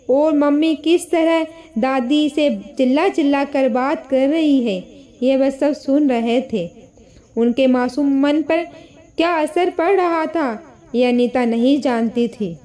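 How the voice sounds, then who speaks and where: Woman storyteller, high voice, slow, measured, dramatic moral tale narration. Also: dark tone.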